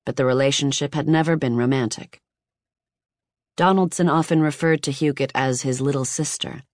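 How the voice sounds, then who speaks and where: An audiobook narrator giving a measured, even reading of nonfiction, recorded close in a booth. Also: mid-range voice, dry recording.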